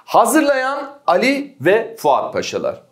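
A man's voice: very high voice, wildly swooping pitch, slow pace. A man teaching an exam-prep history lesson, often asking his students questions and answering them himself.

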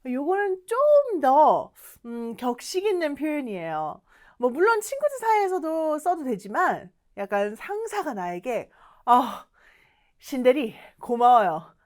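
A woman's voice: high voice, wildly swooping pitch, a little slow, a little mellow. A young woman teaching English to learners in an online lesson, coaxing and acting out little dialogues.

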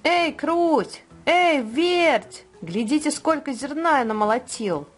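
A woman voicing a hardworking, patient male rooster in a children's storybook reading, calling out in a bright sing-song way. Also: high voice, sing-song, a little slow, faint music behind, voice pushed up, heavily acted. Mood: calling, firm.

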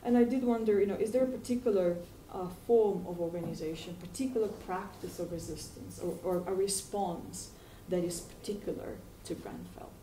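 A woman's voice: medium pitch, moderate pace, few pauses, warm tone, a little hiss or hum. A woman in her forties gives a hesitant academic panel response, full of fillers and restarts, in a university seminar room. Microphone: far room mic. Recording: echoey room from far off.

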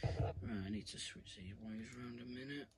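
Speaking at normal speed with a medium pitch, a male video creator walks viewers through a casual, hands-on tutorial and addresses them as "guys." He's indoors in a carpeted room, and handling clicks and clear background noise come through.

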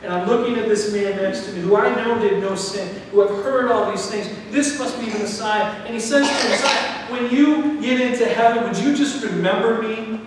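A middle-aged man preaching a sermon in a church, animated, acting out what people think. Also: high-pitched, moderate pace, background noise. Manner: animated, gesturing while preaching, acts out quoted thoughts. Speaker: pastor. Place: church sanctuary, indoors. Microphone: far camera, no mic worn. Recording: echoey hall from far off.

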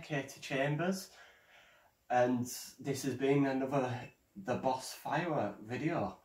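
A man's voice: medium pitch, echoey room, far from the mic. A man presenting his own vlog in a casual show-and-tell way, hesitant and stumbling like a first-timer. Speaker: fireworks vlogger.

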